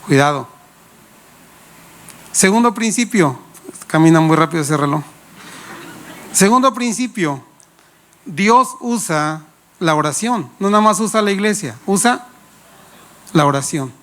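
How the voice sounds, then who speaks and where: High-voiced lively male pastor preaching. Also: a little slow, pauses often. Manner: lively preaching with rhetorical questions to the congregation; playful, laughs while telling anecdotes. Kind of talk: sermon.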